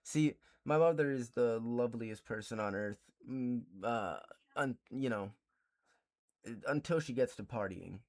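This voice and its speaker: A young man hosting a casual livestream podcast, talking in a joking, rambling way with quick laughs. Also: mid-range voice, darkish tone. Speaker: podcast host.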